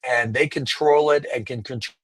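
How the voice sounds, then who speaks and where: Guy on a glitchy video call, words breaking up and cutting out mid-sentence, dry close audio, mid pitch. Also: steady tone, normal speed, fairly bright tone, no room sound. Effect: call connection cutting out, broken and dropping words. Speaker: guest hurricane researcher. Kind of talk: casual interview answers. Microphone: remote video call.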